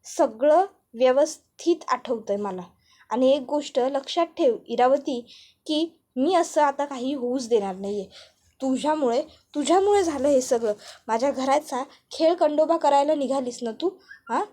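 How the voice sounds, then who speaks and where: A woman voicing a fierce older woman who loudly accuses a schemer. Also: high voice, lively intonation, moderate pace. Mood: furious. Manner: loud accusing outbursts.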